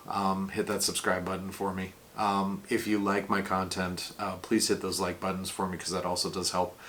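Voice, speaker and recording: A man hosting his vlog, talking casually and emotionally in a halting, rambling way with many fillers. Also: sits low, a bit bright, a little hiss or hum. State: emotional, choked up. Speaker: vlog host. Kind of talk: casual tribute vlog talk.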